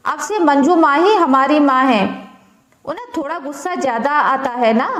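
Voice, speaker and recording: Storybook big brother, gentle and soothing, slow, as a woman narrator puts him on, echoey room. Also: high voice. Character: kind, gentle older brother, a boy.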